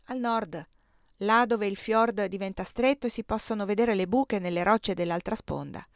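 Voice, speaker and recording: A woman reading the part of an eager young male servant who tells his news excitedly and insistently, in a dry close recording. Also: mid-range voice, normal speed, dry recording, natural voice.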